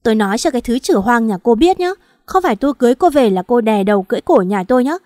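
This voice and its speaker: A woman voicing a sharp-tongued middle-aged mother-in-law who berates her new daughter-in-law in a rapid tirade. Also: fairly high pitch, animated, no echo, clean studio sound, close to an everyday voice. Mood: furious scolding.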